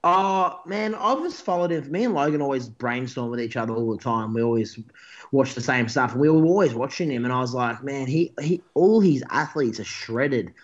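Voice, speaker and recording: A man in his thirties with an Australian accent rambles through his stories in an easygoing interview, often repeating and restarting himself. His voice sits at a middle pitch. The recording is a little dull and lo-fi. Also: fairly quick. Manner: rambling storyteller, restarts a lot. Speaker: interview guest, pro bodybuilder. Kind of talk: casual chat. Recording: dull, lo-fi sound.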